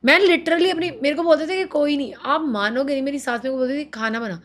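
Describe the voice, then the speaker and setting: A woman in her thirties, appearing as an interview guest, talks fast in a high voice as she emotionally recounts her marriage. She is animated, mixes Hindi and English, and acts out what other people said in different voices.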